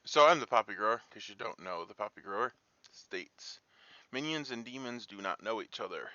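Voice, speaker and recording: A man's voice: lowish voice, expressive, brisk, sharp tone, no echo, dull audio. A man talking casually through a game, reasoning aloud with emphatic, uneven delivery. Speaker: player in an online social deduction game.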